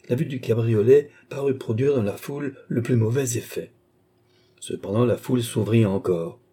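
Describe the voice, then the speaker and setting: A man narrating a classic novel as an audiobook with a steady, expressive reading. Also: mid-range voice, breathy edge.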